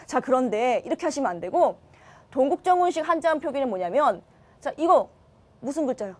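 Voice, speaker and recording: A woman's voice: sits high, big pitch swings, a little fast. A woman teaching a grammar lesson online, asking her students questions and answering them herself. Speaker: Korean language teacher.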